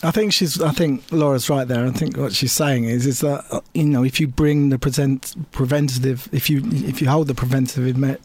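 A man's voice: medium pitch, steady tone, darkish tone, dry recording. A man giving careful, hedged views in a radio studio discussion. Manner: measured, hedging, full of fillers. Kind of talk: casual studio debate.

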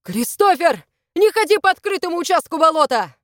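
A woman reading a story voicing an angry male soldier who shouts warnings. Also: very high-pitched, sing-song, brisk, no echo, studio quality, voice pushed up, full character voice. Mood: furious.

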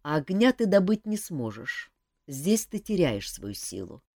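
Woman putting on a gruff grumbling hero. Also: lowish voice, big pitch swings, a little slow, warm tone, no room sound, studio quality, pitched above the performer's own voice, heavily acted. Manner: grumbling, sarcastic, curt. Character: gruff grumbling adult male hero, freezing.

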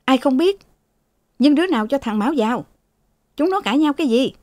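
A woman voicing a sick, bedridden older father who scolds and pleads in a shrill voice. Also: expressive, normal speed, dark tone, dry recording, studio quality, lightly acted. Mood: scolding.

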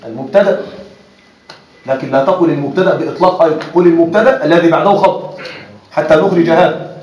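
Fast, high-voiced male teacher in an echoey room. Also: a little mellow. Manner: keeps checking that students follow. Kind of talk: classroom lecture. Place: classroom. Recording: echoey classroom.

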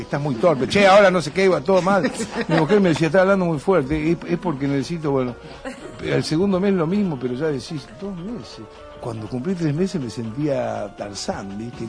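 A man with an Argentine accent, a musician guest, telling anecdotes in an animated, chatty interview. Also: medium pitch. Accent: Argentine Spanish. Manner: animated, storytelling, chatty asides.

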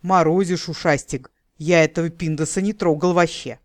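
A man's voice: on the high side, fairly even intonation, normal speed, lightly acted. A man voicing a brash young male pseudo-vampire mage under interrogation, jeering in street slang.

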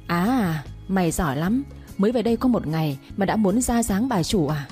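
A woman's voice: expressive, normal speed, dark tone, soft background music, natural voice. A woman voicing a cruel, domineering older matriarch who scolds and sneers in a storybook reading. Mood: scolding. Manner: scolding, shrill and scornful.

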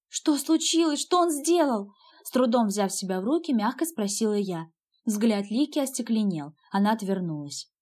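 A woman's voice: medium pitch, mellow. A woman narrating a first-person novel as an audiobook, with an emotional, dramatic delivery.

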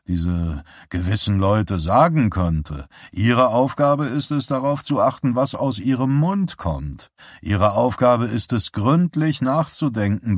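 Male reader doing a menacing thug, low-voiced and quietly sneering. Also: no echo, clean studio sound.

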